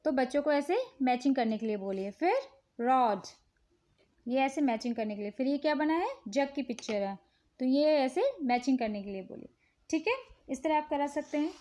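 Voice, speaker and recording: A woman with an Indian accent and a high, light voice walks through a children's worksheet. She talks slowly and patiently, checking in with the listener again and again. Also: lively intonation, a little mellow. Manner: slow, patient, repeats "ठीक है" often. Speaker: teacher showing worksheets. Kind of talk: casual instructional talk.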